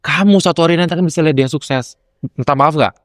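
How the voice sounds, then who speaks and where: A man, telling stories from his lecturing with animated energy and acted-out quotes. His voice sits a touch high and sounds smooth and clean, recorded dry and close. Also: fast, dry recording. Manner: animated, acts out quotes with rising pitch. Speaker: lecturer and podcast guest. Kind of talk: casual storytelling chat.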